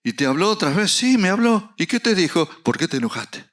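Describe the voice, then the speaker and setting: A middle-aged man preaching a sermon, telling a personal story with acted dialogue and rising to loud, emphatic peaks. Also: fairly high pitch, lively intonation, fast talker. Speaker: pastor.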